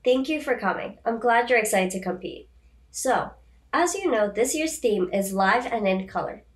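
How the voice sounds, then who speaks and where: A woman's voice: a little high, lively intonation, moderate pace. Upbeat teen girl hosting a podcast. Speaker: podcast host. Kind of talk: scripted podcast interview.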